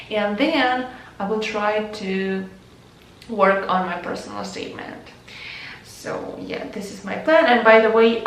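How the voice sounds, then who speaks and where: Speaking at a medium pitch with a fairly bright tone, this young adult Ukrainian vlogger talks casually to the camera. Faint music and slight noise drift through the echoey room, and her earnest delivery is full of fillers and false starts.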